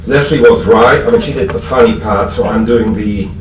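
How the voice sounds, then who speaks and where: Speaking at a recovery fellowship convention, this German-accented man has a fairly low voice and looks back on past times in a loose, faltering public speech full of wry humour at his own expense. The recording is echoey and noisy, caught from afar in a room before a crowd.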